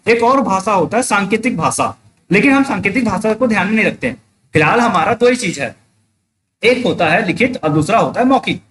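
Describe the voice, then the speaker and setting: A man's voice: high voice, animated, a little fast, a bit bright, slight background noise. A man teaching a live exam-prep class online, explaining step by step, repeating key points and checking that students follow.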